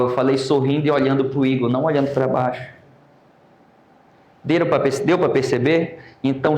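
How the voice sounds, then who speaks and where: A Brazilian man teaching an oratory class, lecturing lively and calling on students by name. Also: medium pitch, roomy sound. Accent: Brazilian Portuguese.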